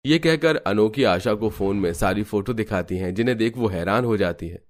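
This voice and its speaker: A man narrating a cartoon story in steady, scripted storytelling. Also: on the low side, moderate pace.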